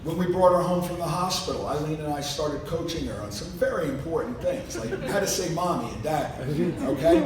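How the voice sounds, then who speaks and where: A middle-aged or older man giving an informal wedding toast as father of the bride, telling jokey family stories. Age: 50s or older. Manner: jokey storytelling with acted-out quotes. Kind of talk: wedding toast, informal anecdotal speech to guests. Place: large room at a wedding reception. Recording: echoey noisy hall, distant mic, low rumble.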